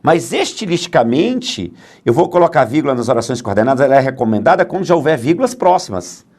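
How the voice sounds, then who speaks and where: Lively, emphatic male grammar teacher. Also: mid-range voice, fast. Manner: emphatic, asks and answers his own questions. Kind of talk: grammar lecture for exam prep.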